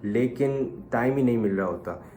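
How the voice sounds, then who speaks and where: A man's voice: medium pitch, moderate pace, warm tone, a little hiss or hum. A man, a doctor, talks casually to his viewers while getting ready and at his hospital office. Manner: chatty, addresses viewers as brother. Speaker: doctor vlogger. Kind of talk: casual vlog monologue.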